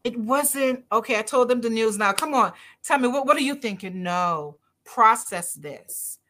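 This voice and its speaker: A middle-aged woman from Barbados, a doctor appearing as a podcast guest, speaks earnestly and emphatically in a conversational interview, repeating her key phrases. Her fairly high voice is expressive, pushed and bright, at a normal speed.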